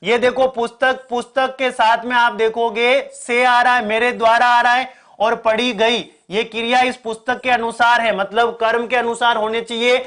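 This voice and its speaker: High-voiced male teacher with a sore throat. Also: little pitch movement, fairly bright tone. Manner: repeats key points, asks the class to answer quickly. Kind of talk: online exam-prep grammar lesson.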